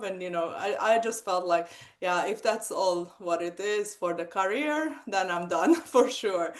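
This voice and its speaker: Hungarian lady in her 40s chatting in an interview, lowish voice, lots of "like" and little quoted asides. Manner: animated, lots of fillers and acted-out quotes. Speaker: guest, sex coach and hypnotherapist. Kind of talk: casual interview chat.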